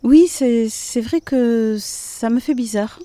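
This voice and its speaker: A woman's voice: fairly high pitch, slow pace, mellow, dry recording. A woman with a Toulouse accent giving a conversational interview, often hesitating as she searches for words. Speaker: guest, metro announcer and singer. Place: hotel courtyard in city centre.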